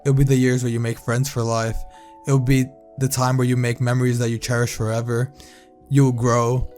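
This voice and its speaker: A young man from Thailand telling a candid personal story in a relaxed, casual way while playing a game. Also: mid-range voice, normal speed, soft background music. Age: young adult. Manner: relaxed, candid, conversational, reacts loudly during gameplay. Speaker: vlogger. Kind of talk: casual storytime narration over gameplay.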